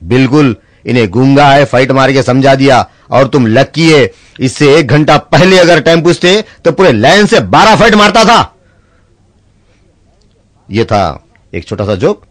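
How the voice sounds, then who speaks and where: A man's voice: medium pitch, expressive, a little slow, dry recording. A man telling short jokes on stage and switching into acted voices for his characters. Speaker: stand-up comedian.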